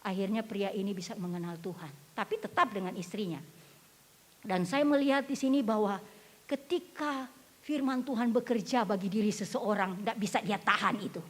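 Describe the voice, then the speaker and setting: A woman pastor preaching a sermon, telling a testimony story and asking the congregation questions, moving from quiet storytelling to loud exhortation. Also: mid-range voice, moderate pace. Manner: addresses the congregation directly with rhetorical questions. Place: church sanctuary. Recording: long church reverb.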